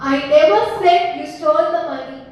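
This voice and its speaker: A woman in a workshop reads a practice sentence very slowly, leaning on one word at a time. Her voice sits high and reaches the mic from far away. The big hall rings with long reverb and faint background ambience. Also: a little mellow, lo-fi sound. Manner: slow, deliberate word stress. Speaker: workshop participant. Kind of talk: reading a practice sentence aloud.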